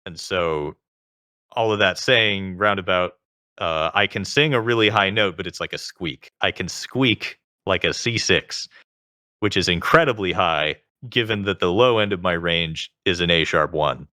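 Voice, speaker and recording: Here a guest in a laid-back interview talks in a very low yet bright and forceful voice. Unhurried and chatty, he explains at length, filling his speech with "like" and similar fillers. The sound is close, dry, and free of echo.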